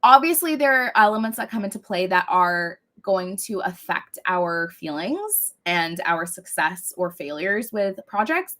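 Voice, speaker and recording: A woman's voice: medium pitch, a bit bright. A woman co-hosting a podcast, talking in a chatty, jokey way. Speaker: podcast co-host. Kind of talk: casual chat.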